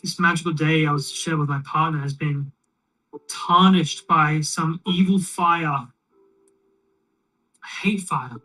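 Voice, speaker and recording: A speaker voicing a tearful young bride who mourns her ruined wedding in a slow, dramatic lament, a little distant from the mic. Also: mid-range voice, sharp tone.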